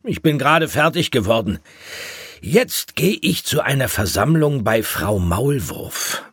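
A friendly old grandfather hedgehog from a storybook, husky and raised in pitch, as a man puts him on. He chats in a warm, lively, easygoing way. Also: measured pace, dry recording, studio quality, heavily acted. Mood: genial. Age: older.

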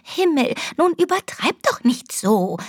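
A tiny female bookrat with a squeaky, piping little voice, much higher than a normal speaking voice, as a woman reading a children's story puts her on. It is recorded close and dry. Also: very animated, a little slow, no echo. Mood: scolding.

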